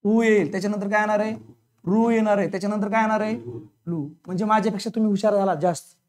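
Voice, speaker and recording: A man's voice: high-pitched, fairly even intonation, quick pace, a little mellow. A male teacher giving a classroom grammar lesson, drilling his students with repeated questions in a blunt, colloquial, sometimes scolding way.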